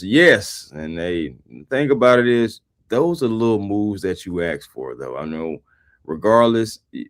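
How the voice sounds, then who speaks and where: A man co-hosting a live sports show, chatting casually and animatedly, greeting the chat and talking football. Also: deep voice. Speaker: sports podcast co-host.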